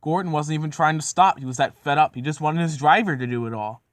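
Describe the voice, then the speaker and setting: A man's voice: fairly high pitch, fast, dry recording. A man narrating a comedic story in a casual, profane, mock-serious way.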